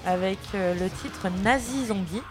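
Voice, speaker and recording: Sex: woman. Role: rock radio co-host. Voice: mid-pitched. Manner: wry and teasing. Behind: music. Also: a little slow. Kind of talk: casual radio banter.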